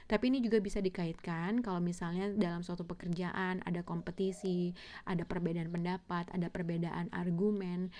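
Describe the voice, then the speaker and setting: A woman's voice: on the low side, flat delivery, a little fast, mellow. A woman giving a casual tarot reading, rambling with many fillers and restarts and mixing in English words. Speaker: tarot reader.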